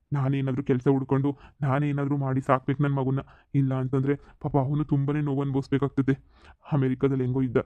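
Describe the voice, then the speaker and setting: A man's voice: medium pitch, dark tone, no room sound, muffled recording, close to an everyday voice. A man voicing a middle-aged father in a cartoon, an ailing businessman who has been cheated, talking in a weary, regretful way. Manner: weary, regretful, speaks of lying down to rest. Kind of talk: cartoon voice acting.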